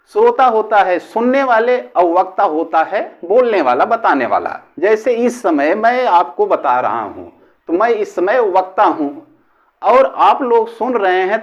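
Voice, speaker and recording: A man teaches a grammar lesson at an unhurried pace, stretching out example phrases one word at a time. His voice sits high and swings widely in pitch. The recording sounds a little dull and lo-fi. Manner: slow, repetitive, drawing out example sentences word by word. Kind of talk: classroom-style lesson explaining a figure of speech.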